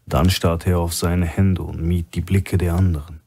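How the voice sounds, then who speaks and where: A man narrating a crime audiobook in a measured, even reading style. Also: sits low, gravelly, breathy edge. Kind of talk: scripted narration.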